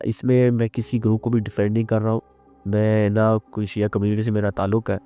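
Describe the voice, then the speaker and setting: Man, measured analytical commentary, dark warm tone, faint background music. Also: on the low side. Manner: earnest, measured, with frequent restarts and fillers.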